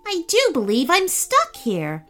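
A woman voicing a tiny, polite and timid female pickle in a high, prim voice. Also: wildly swooping pitch, unhurried, fairly bright tone, soft background music, heavily acted.

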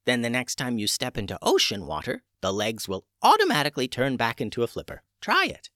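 A man voicing an old female witch healer who is brisk and matter-of-fact. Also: mid-range voice, huge pitch swings, sharp tone, dry recording, studio quality.

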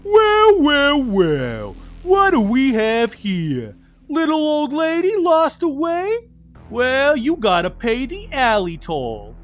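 A man's voice: extremely high pitch, wildly swooping pitch, takes it slowly, a bit bright, faint music behind, voice pushed up, heavily acted. Man acting a drawling, taunting cartoon mugger. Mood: taunting, menacing. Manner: drawling, taunting, streetwise gangster talk. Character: menacing male street mugger, cartoonish crook. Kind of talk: in-character tabletop role-play.

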